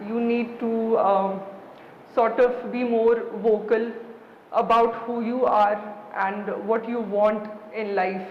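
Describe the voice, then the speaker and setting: A young woman with a Kashmiri accent, answering formally and haltingly as a deferential interview candidate. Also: on the high side, fairly even intonation. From Srinagar, Kashmir, India. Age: young adult. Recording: echoey hall, dull sound, background noise.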